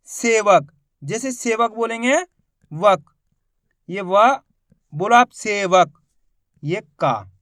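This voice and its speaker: High-voiced man slowly spelling out syllables. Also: fairly bright tone, clean tone, dry recording, studio quality. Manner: slow, drawn-out syllables and repeated teaching questions; addresses viewers as friends. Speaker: Hindi teacher.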